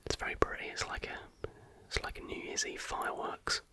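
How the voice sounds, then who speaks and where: A British ASMR host whispers a casual, chatty reaction commentary at normal speed. The delivery is hushed, informal and rambling.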